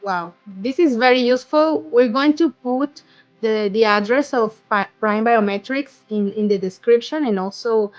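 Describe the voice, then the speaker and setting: A woman, an attorney, hosting an interview, speaking with halting restarts. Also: a little high, highs cut off. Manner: warm-hearted, halting, with repeated restarts. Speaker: immigration attorney and host. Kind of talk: hosted interview.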